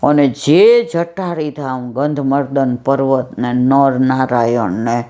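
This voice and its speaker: A low-pitched older woman tells devotional stories to a gathering. Her tone is mellow and relaxed, and she reenacts conversations as she goes. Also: slow pace. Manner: anecdotal, reenacts dialogue. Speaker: satsang speaker. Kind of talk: devotional storytelling talk.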